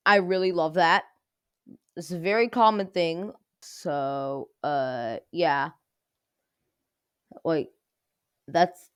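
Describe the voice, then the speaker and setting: A woman hosts a casual language review show, rambling through her thoughts and leaning on "like" as filler. Her voice sits a little low. The sound is dry and close, with no room echo. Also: clear, resonant tone. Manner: rambling, heavy use of filler "like". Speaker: host.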